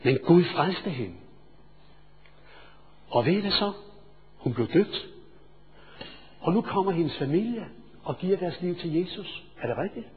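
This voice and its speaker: Preacher with husky, reverberant voice. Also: male voice, sits high, animated, pauses often. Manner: swings from hushed to shouting storytelling. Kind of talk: sermon with anecdote. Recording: reverberant hall, dull lo-fi sound.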